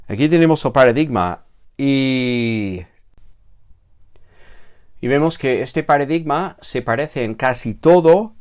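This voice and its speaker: A man with a clear, resonant, medium-pitched voice teaches a recorded grammar lesson. He explains patiently, repeats key words, and checks understanding with "¿vale?".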